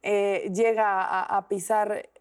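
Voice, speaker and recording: A woman's voice: mid-range voice, flat delivery, slow pace, smooth. A woman co-hosts a talk show and asks her guest questions in a casual, attentive way. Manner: attentive, short affirmations. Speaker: co-host. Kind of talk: casual interview chat.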